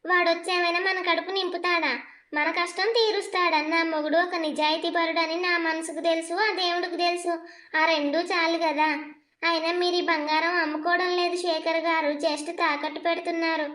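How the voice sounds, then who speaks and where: A woman's voice: very high voice, level tone, a little fast, sharp tone, reverberant. A woman voicing a fierce, loyal young village wife in a cartoon, defiant and commanding. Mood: reassuring. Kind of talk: animated cartoon voice acting.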